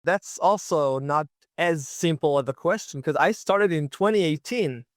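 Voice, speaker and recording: A man's voice: fairly high pitch, measured pace, dry recording. Chatty young man from Israel, dry sound. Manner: easygoing, chatty, many fillers like "like" and "you know". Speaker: guest, long-distance bicycle traveler. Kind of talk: casual interview storytelling.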